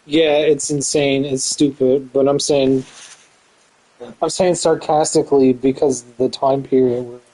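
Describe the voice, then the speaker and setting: A male streamer musing through a game live, halting as he reads notes aloud. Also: medium pitch, flat delivery, dark tone, rough recording.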